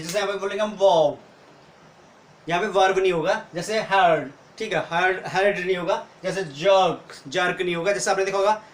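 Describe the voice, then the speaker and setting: High-voiced teacher in an echoey room. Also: male voice, fairly bright tone. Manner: explains step by step with many rhetorical questions. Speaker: English teacher. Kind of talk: video lesson. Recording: echoey room with faint noise.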